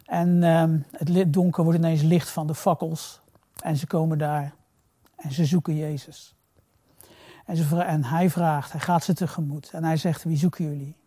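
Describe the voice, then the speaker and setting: Warm, reflective male preacher. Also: flat delivery, moderate pace, no room sound, clean studio sound. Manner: reflective, repeats phrases for emphasis; drops to a soft, low voice on key phrases. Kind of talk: sermon.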